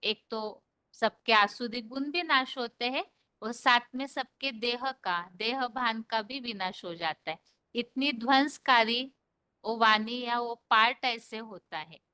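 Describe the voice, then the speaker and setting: A woman teaching an online scripture class, patiently explaining verses and reciting them slowly. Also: a little high, bright, forceful tone, clean tone, no room sound.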